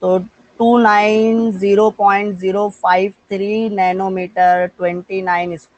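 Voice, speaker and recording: A man's voice: high voice, level tone, a little slow, no echo, rough recording. A male physics teacher with an Indian accent, giving an online live class and coaxing students with questions. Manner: mixes Hindi with English terms.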